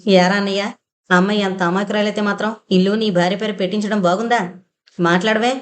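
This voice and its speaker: A fiery young woman snaps and scolds with biting sarcasm, as a woman reads her in an audio novel. Her lines come quick and cutting, full of contempt for the people she faces. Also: medium pitch, fairly even intonation, natural voice. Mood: angry. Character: fiery young woman Vijaya, quick-tempered elder sister.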